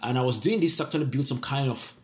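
A man's voice: medium pitch, quick pace, a little mellow. A young man from Nigeria, a PhD student in optics, speaking earnestly in an interview and repeating words for emphasis. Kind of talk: interview testimony.

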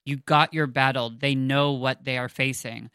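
A man voices a calm, commanding female saint from a novel. The voice is smooth and resonant. The sound is dry and close. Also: mid-range voice, moderate pace, no echo. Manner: read aloud plainly from a novel. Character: serene female saint wrapped in bees.

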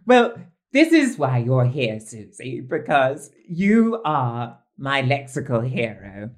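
A man's voice: mid-range voice, sing-song, takes it slowly. A man with a camp, theatrical manner and ornate, florid diction, hosting a podcast. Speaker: podcast host. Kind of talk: scripted podcast introduction and interview.

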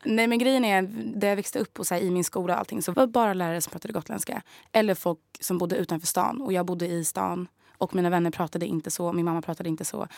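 A woman from Gotland chats candidly as a podcast co-host, with a gravelly, creaky edge to her voice. She slips English phrases in casually, and the studio sound is close and dry. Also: on the low side, fairly even intonation, hardly any pauses, darkish tone, dry recording. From Gotland, Sweden. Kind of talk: casual chat.

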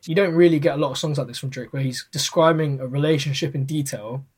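A man, reviewing an album in casual podcast chat, talking quickly with lots of restarts. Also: a little high, husky. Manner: rapid, animated, full of restarts.

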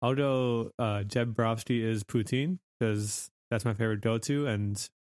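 A man's voice: medium pitch, fairly even intonation, unhurried, a little mellow, dry recording, clean studio sound. A man chatting casually as co-host of a sports podcast.

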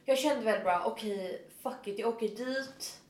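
A woman's voice: fairly high pitch, echoey room. A woman in casual chat, telling a story animatedly and acting out what people said. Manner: animated storyteller, acts out quotes.

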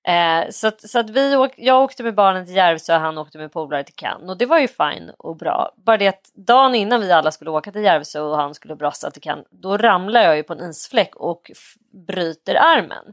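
A woman's voice: on the low side, animated, no echo, studio quality. Swearing woman telling stories. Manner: swears freely, storytelling with acted quotes. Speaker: podcast co-host. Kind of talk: casual chat.

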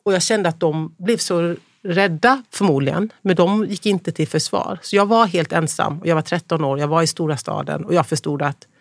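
A woman's voice: on the low side, hardly any pauses, dry recording. Woman on a podcast telling a story, reflective, lots of fillers, dry close sound. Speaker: podcast guest. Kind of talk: casual conversation.

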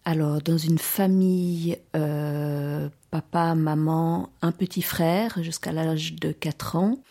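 A woman's voice: low-pitched, fairly even intonation, warm tone. A woman, hesitantly recounting her personal story in an interview. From Lausanne region, Switzerland. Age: 40s. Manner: hesitant, reflective, many pauses and fillers.

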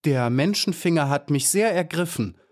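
Man doing a shy young bee girl for a storybook, raised higher voice. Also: animated, normal speed, lightly acted. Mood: timid. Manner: timid and polite.

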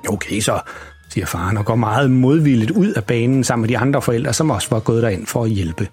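Brief: male storyteller, children's audio story, husky, expressive, light music underneath. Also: mid-range voice. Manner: lively, expressive reading. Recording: music bed behind.

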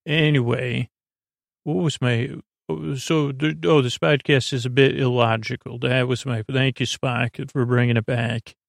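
In a steady, medium-pitched voice full of creak, a man hosts a sleep podcast monologue that wanders, halts, and digresses, with frequent false starts and lost threads. There is no room echo in the very dry sound.

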